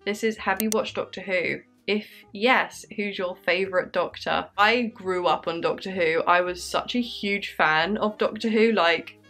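A woman's voice: mid-range voice, fairly bright tone. Chatty English woman in her twenties. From England. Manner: chatty, upbeat and apologetic. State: dry throat. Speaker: YouTuber answering viewer questions. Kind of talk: casual Q&A vlog. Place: bedroom with candles.

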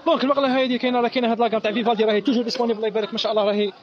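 A man running a live sales pitch as a shop seller, repeating each price over and over. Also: little pitch movement, very fast, highs cut off.

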